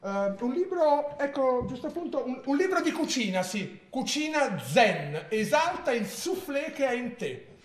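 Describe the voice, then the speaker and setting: A man's voice: very high-pitched, sing-song, unhurried, heavily acted. An actor on stage playing a vain, fussy, melodramatic man, theatrical and prissy, prone to sudden outbursts. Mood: wry. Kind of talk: live stage monologue. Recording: echoey theatre with audience laughter. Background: audience laughing.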